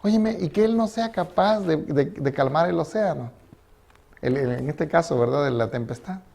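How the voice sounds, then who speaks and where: A man's voice: fairly high pitch, animated, normal speed, vocal fry, a little mellow. A man preaching a sermon as pastor, asking the congregation questions and acting out quotes.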